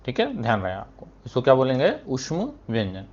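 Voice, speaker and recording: Sing-song and fairly quick, a man's medium-pitched, darkish voice leads a Hindi classroom lesson in muffled recording. He goes step by step, answering questions he poses himself, tucking "thik hai" between phrases and now and then clearing his throat.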